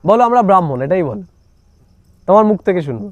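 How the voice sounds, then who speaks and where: A man's voice: high-pitched, sing-song, fast talker, darkish tone, dry recording, dull audio. A man teaching a spiritual class, coaxing listeners again and again to speak up and answer. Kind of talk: leading a spiritual class with questions.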